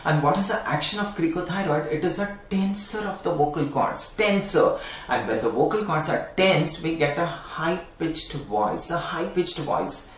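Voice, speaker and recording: Middle-aged Indian English male lecturer, somewhat high voice, repeats key terms, coaxes students; echoey room, mic at a distance. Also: lively intonation, moderate pace. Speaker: anatomy teacher. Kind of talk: online exam-prep lecture.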